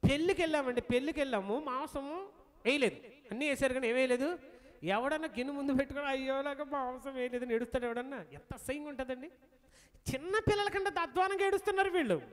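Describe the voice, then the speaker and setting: A male pastor preaching a sermon, animated and acting out pleading quotes. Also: very high-pitched, fast. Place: church.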